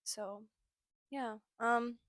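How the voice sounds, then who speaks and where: A young woman hosting a personal podcast, reflecting in a halting, tired way with many filler words and apologies. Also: on the high side, fairly even intonation, fairly bright tone, no room sound, clean studio sound. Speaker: podcast host.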